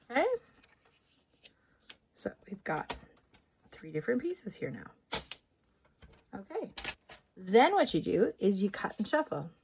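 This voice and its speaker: Gravelly woman demonstrating card crafts. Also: on the low side, slight background noise. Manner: chatty, thinks aloud, drops into soft asides. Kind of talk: crafting tutorial.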